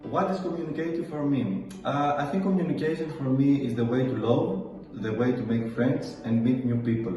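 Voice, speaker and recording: A man's voice: mid-range voice, warm tone. A young man from Greece with a Greek accent, a student speaking thoughtfully with small restarts. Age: 20s. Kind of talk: personal statement. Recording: echoey hall, far from mic. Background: faint background music.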